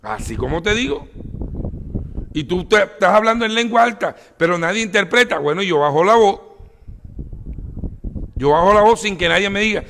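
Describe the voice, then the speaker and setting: A man's voice: sits high, expressive, moderate pace, gravelly, long pauses, long reverb tail, slight background noise. A man preaching a sermon emphatically, often addressing listeners as brother. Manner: emphatic, rising to near shouts; addresses listeners as "hermano mío".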